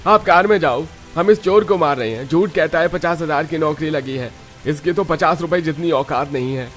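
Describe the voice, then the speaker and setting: A man voicing a bullying neighbor who jeers roughly and accuses loudly. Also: a little high, normal speed, faint music behind, close to an everyday voice. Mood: hostile. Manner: rough, jeering.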